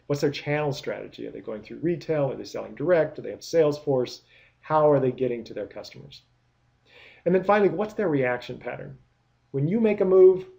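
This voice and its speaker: A man lecturing in a mellow, darker voice at an ordinary pitch. He walks through his points with rhetorical questions and often restarts his phrases. The recording sounds a little dull and lo-fi. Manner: explanatory, many rhetorical questions, frequent restarts. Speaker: product management lecturer.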